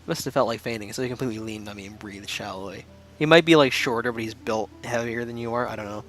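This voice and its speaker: A man's voice: lowish voice, fast, a bit bright, faint music behind. A man co-hosting a casual game playthrough, joking, laughing often and reading the game's narration aloud. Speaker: co-host playing and reading a visual novel. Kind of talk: casual let's-play chat with read-aloud narration.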